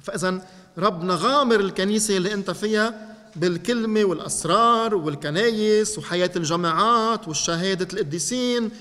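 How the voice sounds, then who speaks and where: A man preaching in a Lebanese Arabic accent, teaching a congregation and speaking to them directly with animated energy. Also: high-pitched, quick pace, in a large hall. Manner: animated, addresses listeners directly.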